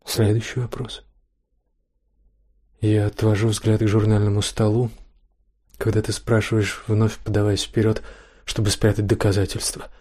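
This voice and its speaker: Man, low husky voice, flat dark tone, quiet intimate story reading. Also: moderate pace, long pauses.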